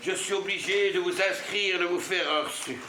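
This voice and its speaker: A man acting out a relentless charity volunteer who won't stop talking, stumbling over his words and hammering the same slogans in a strikingly high voice. It is a live stage comedy, and the sound is roomy and echoey with steady background noise. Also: moderate pace, close to an everyday voice. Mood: insistent chatter. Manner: stammering, repeats himself, lectures in slogans. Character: pushy, long-winded male charity volunteer. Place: theatre stage.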